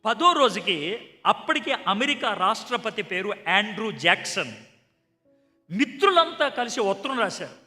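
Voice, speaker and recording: A male preacher delivers an emphatic sermon, his voice high and ringing. He slips into the voices of the people in his stories as he tells them. The sound carries a long hall reverb with faint music underneath. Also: big pitch swings, moderate pace, sharp tone. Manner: emphatic, acts out dialogue in story. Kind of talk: sermon with storytelling.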